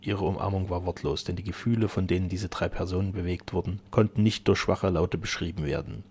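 A man narrating a novel in a measured storytelling manner. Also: low-pitched, fairly even intonation, darkish tone, slightly rough. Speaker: audiobook narrator. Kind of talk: novel reading.

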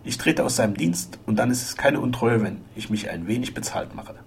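A man voicing Gérard, a gruff French henchman. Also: medium pitch, lively intonation, fairly quick, slight background noise, close to an everyday voice. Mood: scheming. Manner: gruff, forthright, menacing warnings. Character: burly tough male French henchman, blunt and proud.

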